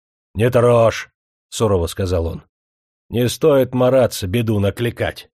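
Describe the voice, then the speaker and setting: A man's voice: on the low side, moderate pace, dark tone, no room sound, studio quality, lightly acted. Man doing a stern, blunt furnace worker. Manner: stern, blunt, folksy speech. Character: strong stern male blast-furnace worker, blunt and mocking.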